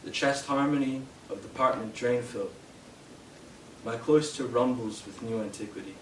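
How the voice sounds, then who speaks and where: At a bookshop, a young man from Canada performs his poetry live; he stumbles with fillers between pieces yet stays steady through the verses themselves. His voice is medium-pitched at a moderate pace, and because he stands distant from the mic, the sound is roomy, far-off, and noisy.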